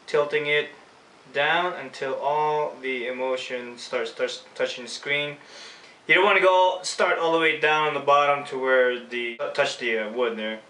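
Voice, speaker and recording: A screen printing instructor with a Filipino accent gives a casual, unscripted hands-on demonstration, explaining each step informally in a bright, forward, medium-pitched voice. He's recorded from a distance in an echoey room with faint background noise.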